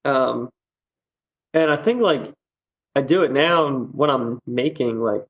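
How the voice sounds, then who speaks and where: Man, gravelly fry, dull lo-fi sound, casual rambling chat, podcast guest. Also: mid-range voice, slow pace. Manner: rambling, laughs often, many fillers. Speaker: guest musician.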